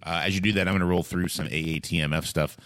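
A man hosting a podcast in casual talk, rambling and halting as he restarts his phrases. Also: low voice, fairly even intonation, a bit bright, no room sound. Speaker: podcast host.

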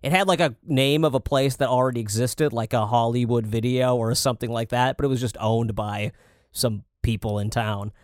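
A man of middle pitch, chatting casually as a podcast co-host. He talks in a relaxed, offhand way and swears freely. The sound is dry and close to the mic. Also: no echo. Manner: relaxed, swears casually, quick to laugh along. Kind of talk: casual chat.

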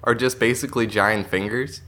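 A man's voice: medium pitch, steady tone, normal speed, sharp tone. A man co-hosting a comedy podcast, joking around and tripping over his words. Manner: goofy, jokey, stumbles over words. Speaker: podcast co-host. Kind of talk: casual comedic podcast chat.

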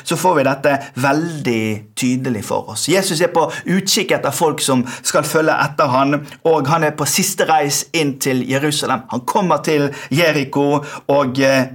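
A man with a Norwegian accent preaching a sermon as pastor, in a measured way that trails off softly at the ends of phrases. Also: medium pitch.

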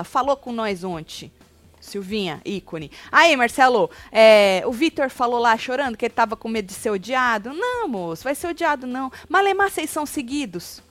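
A woman's voice: fairly high pitch, no echo. A woman co-hosting a casual reality show recap, chatty and teasing. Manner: chatty, teasing, animated storytelling. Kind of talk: casual gossip chat.

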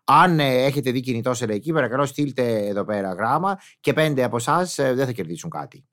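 A man's voice: medium pitch, expressive, fairly bright tone. A man delivering a casual comic monologue in a chatty, exclamatory way, with mock-indignant asides.

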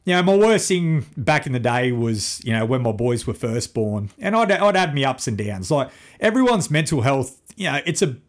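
A man's voice: mid-range voice, sing-song, normal speed. A man with an Australian accent chatting casually like a blokey tradesman, full of slang and swearing. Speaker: podcaster and construction worker, guest. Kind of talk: casual chat.

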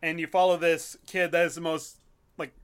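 A man's voice: fairly high pitch, level tone, normal speed, smooth. A man on a casual podcast chat, ranting and swearing as he explains things.

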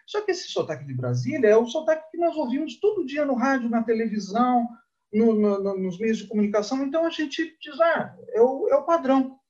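A man explains things in a measured, teacherly way, his intonation rising and falling with great animation. The sound is muffled and lo-fi. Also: extremely high pitch. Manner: didactic, measured, lively intonation. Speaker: linguist guest. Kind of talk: explaining in an interview. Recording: dull lo-fi audio.

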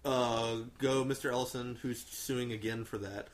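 A man hosts a casual, profane film review chat, telling stories with enthusiastic emphasis and acting out quotes. His medium-pitched voice keeps a steady tone at a moderate pace.

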